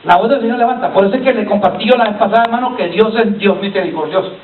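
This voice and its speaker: A man's voice: high voice, racing, a little hiss or hum. A male pastor preaches a sermon, calling on the congregation to repeat his lines and addressing them as brother. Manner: keeps addressing listeners as brother. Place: church hall. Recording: echoey far-off church recording over a lo-fi line.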